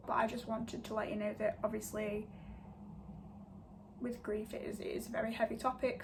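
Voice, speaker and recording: A woman's voice: fairly high pitch, vocal fry, a little mellow, slight background noise. A young woman from England with a northern English accent, hosting a casual podcast chat, giggly and self-mocking. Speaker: podcast host.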